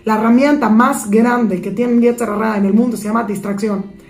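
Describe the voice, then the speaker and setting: Woman Torah teacher, emphatic, rhetorical questions; high voice, roomy echoey sound. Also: steady tone, normal speed, darkish tone. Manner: slips into English phrases. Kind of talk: weekly Torah portion lesson for women.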